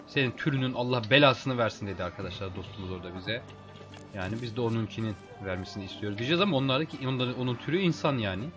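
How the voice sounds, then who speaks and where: A man casually commenting on a video game as he plays, chatting with his viewers as friends and getting excited in fights. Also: medium pitch, racing, faint music behind. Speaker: let's play host.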